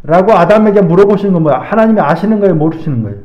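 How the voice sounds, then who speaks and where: A male pastor delivering a sermon in a slow, deliberate preaching manner, now and then acting out the voices he quotes. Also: sits high, animated, darkish tone, roomy sound, dull audio. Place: church sanctuary.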